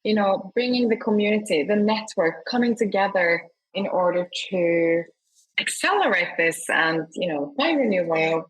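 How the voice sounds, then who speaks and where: A woman's voice: mid-range voice, lively intonation, normal speed, rough recording. A woman from Scandinavia, an investor and award founder, talking enthusiastically in an interview. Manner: enthusiastic, emphatic.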